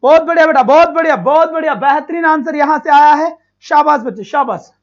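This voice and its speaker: A male teacher leads a live online exam-prep class with a strikingly high voice. He talks with relentless energy, showering students with loud praise. The stream audio is dull and lo-fi. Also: a little fast.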